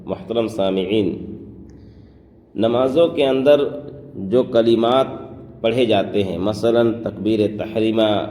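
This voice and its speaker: Slow-reciting man in an echoey room. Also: on the low side, mellow. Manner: explains quickly, then recites the phrases slowly and drawn out. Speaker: religious teacher. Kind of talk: pronunciation lesson on prayer phrases. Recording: echoey room, faint background noise.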